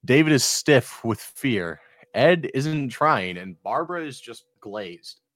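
A man's voice: mid-range voice, animated, takes it slowly, fairly bright tone, dry recording. A man narrates stage directions in an amateur script read-through. His mid-range voice moves around with lots of expression, and the recording is dry and close. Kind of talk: reading screenplay stage directions aloud.

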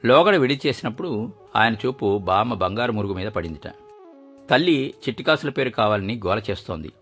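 Low-voiced man narrating a story. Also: slightly rough, soft background music. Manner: expressive, measured storytelling. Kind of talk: storybook reading.

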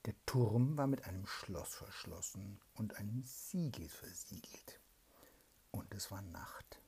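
A mother in a whispered bedtime story reading, hushed and slow. Her voice is dark and gravelly with a rough, breathy whisper. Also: rumbling low, expressive. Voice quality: raspy whisper.

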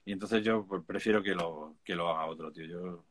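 A man's voice: deep voice, fairly quick. Slangy Spanish man talking music production. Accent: Spain Spanish. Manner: chatty, informal, emphatic, peppered with slang. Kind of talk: casual chat.

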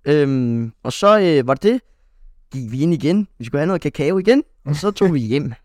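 A man's voice: a little high, lively intonation, a little mellow, no echo, studio quality. A young man co-hosting a podcast, telling a rambling story in casual chat, full of fillers and restarts. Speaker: podcast co-host.

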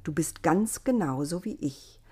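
A woman's voice: fairly low pitch, lively intonation, measured pace, darkish tone, breathy edge, heavily acted. Woman doing an earnest young first man.

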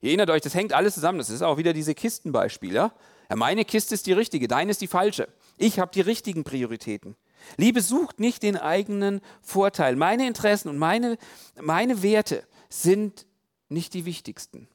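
A man giving a conversational sermon on love in marriage, animated, acting out quoted thoughts with many fillers and restarts. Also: high voice, fairly quick.

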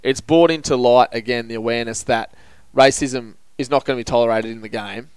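A man's voice: mid-range voice, steady tone, brisk, clear, resonant tone, no room sound, rough recording. An Australian man hosting a casual footy show, chatting in a blokey, matey way full of local slang. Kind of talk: casual sports banter.

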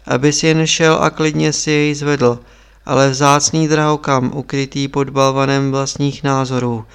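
A grave old abbot, calm and wise, teaching in slow, measured sentences, as a male reader puts him on. The voice is smooth and resonant, with a gravelly fry at the ends of phrases. This is an audiobook reading. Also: mid-range voice, lightly acted. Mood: patient.

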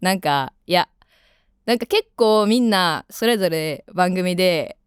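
A young woman with a Kansai accent hosting a late-night radio talk, rambling and chatty with lots of fillers. Her voice sits low but swings freely up and down. The studio sound is close and dry. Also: animated, unhurried, clean tone, no echo. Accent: Kansai Japanese. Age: 20s. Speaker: radio host. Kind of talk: casual radio chat.

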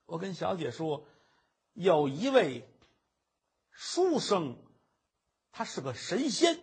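A cheeky young maidservant, as a male storyteller puts her on, teasing and quick-witted, with a husky, high voice that leaps all over. A playful comic storytelling turn. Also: wildly swooping pitch, heavily acted.

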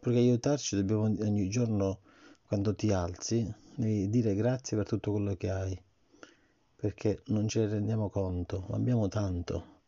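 A middle-aged man reading a bedtime story aloud to his son and gently, patiently asking him questions about it. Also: lowish voice, steady tone, moderate pace. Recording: dull lo-fi recording.

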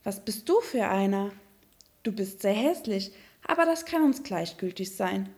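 A woman's voice: medium pitch, animated, a little slow, a little mellow, close to an everyday voice. A woman voicing condescending wild ducks in a fairy tale.

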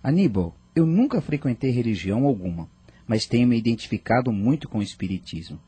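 Guy voicing a grieving dad in a radio play, mellow but kinda husky, lots of rise and fall. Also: medium pitch, animated, fairly quick. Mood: reflective. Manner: earnest, reflective, subdued. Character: grieving widowed father seeking faith. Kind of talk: radio drama acting.

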